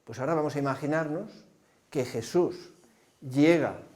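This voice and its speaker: A preacher delivers a sermon in a somewhat high but mellow, warm voice. He paints scenes vividly and keeps turning to his congregation with rhetorical questions. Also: moderate pace.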